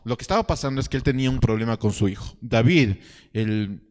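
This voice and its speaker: A man preaching a sermon as pastor, telling a story with rhetorical questions and halting restarts. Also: medium pitch, a little mellow, long reverb tail. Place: church hall.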